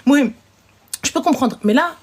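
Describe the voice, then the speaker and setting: A woman's voice: sits high, lively intonation, moderate pace, darkish tone. A woman with a lisp and slushy sibilants, hosting a casual live chat in blunt, slangy, repetitive speech. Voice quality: lisping, slushy sibilants from dental aligners. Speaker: live stream host.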